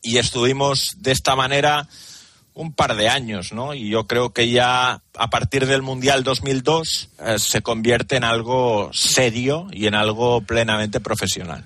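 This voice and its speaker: A man guesting on a radio show as a football commentator. His voice is bright and forward, recorded close and dry, and he talks in a measured way, often restarting his sentences. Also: mid-range voice, steady tone, no room sound. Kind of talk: radio interview.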